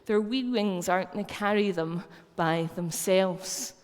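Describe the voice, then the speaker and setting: A Scottish woman delivers a sermon in a chatty, anecdotal way, as if telling stories to friends. Her voice is medium in pitch with a darkish tone, and she takes her time. The church hall gives the recording a long, echoing reverb.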